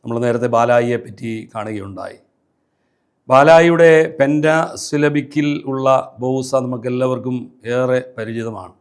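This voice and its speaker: A man, a priest, giving a measured lecture on liturgical music with a Malayali accent, slowly chanting verse lines and counting their syllables. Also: medium pitch, clean tone.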